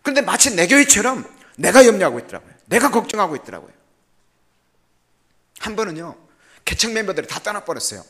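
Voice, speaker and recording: An older man, a missionary preacher, telling personal stories in an animated, humorous sermon that swings from loud to quiet. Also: high voice, fairly quick, pauses often.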